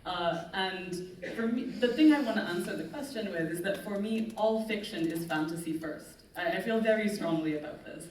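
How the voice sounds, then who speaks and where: A woman's voice: medium pitch, normal speed, hardly any pauses, darkish tone, distant mic, slight background noise. A woman author on a live panel, articulate and lecturing, with a self-mocking edge. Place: festival stage in a large hall. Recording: echoey hall, voice from afar.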